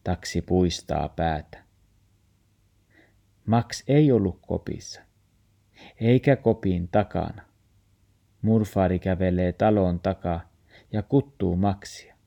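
A man reading a children's story aloud in a calm, even manner. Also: sits low, vocal fry, long pauses, highs cut off. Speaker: narrator.

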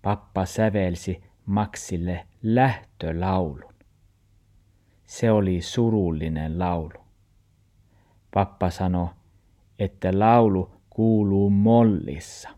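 A man with a Tornedalian Meänkieli accent, narrating a children's storybook in a measured, expressive way. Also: deep voice. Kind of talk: storybook reading.

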